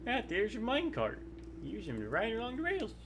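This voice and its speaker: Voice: mid-range voice, huge pitch swings, brisk, noisy background, pitched above the performer's own voice. A performer voicing a chatty, helpful old prospector miner with a folksy drawl, reading video game dialogue.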